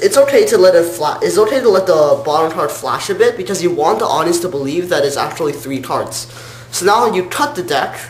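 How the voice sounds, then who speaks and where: A man's voice: on the high side, slight background noise. A man giving an informal step-by-step card trick tutorial as a magician, sometimes correcting himself. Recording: roomy, echoing sound.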